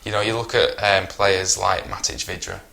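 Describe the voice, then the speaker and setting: A man co-hosting a football chat channel. His voice sounds bright and forceful. He talks casually and jokes and needles his co-host between his opinions. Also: low-pitched, steady tone, moderate pace, creaky. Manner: joking, banters and teases his co-host.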